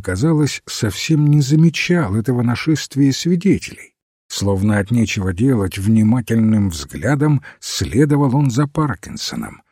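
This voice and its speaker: A man narrating an audiobook in a measured, even storytelling manner. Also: mid-range voice, slightly rough, no room sound, clean studio sound. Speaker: audiobook reader. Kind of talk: scripted narration.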